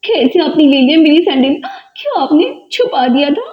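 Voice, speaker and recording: Woman doing doll play-acting: high voice, whiny and pleading, lo-fi recording. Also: very animated, normal speed, background noise. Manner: whiny, pleading, near tears. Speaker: doll video creator. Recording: dull lo-fi recording.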